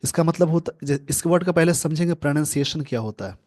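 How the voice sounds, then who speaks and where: A man teaching English grammar from a newspaper, explaining slowly and repeating key words. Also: a little high, a little mellow. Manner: slow, repetitive explaining, mixing English terms into Hindi.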